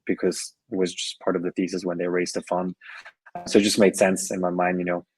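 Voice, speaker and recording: In a podcast interview, a middle-aged venture investor from Switzerland and Colombia converses in a relaxed manner, frequently starting over and repeating himself. He talks fairly quickly in a low, monotone voice, and the audio is poor.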